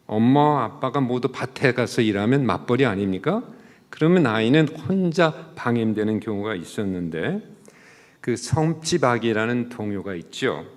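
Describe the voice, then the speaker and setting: A man's voice: medium pitch, big-room sound. A man, a professor, giving a sermon-style talk at a church service, asking the listeners rhetorical questions and acting out short quoted lines. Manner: acts out the quoted lines of mother and child.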